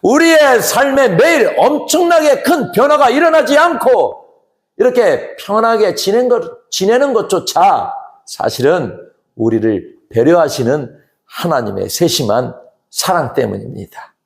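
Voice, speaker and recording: A man as pastor, giving an earnest sermon that swells to emphatic rises and sinks to hushed drops. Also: high-pitched, big pitch swings, a little slow, vocal fry. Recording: roomy echo.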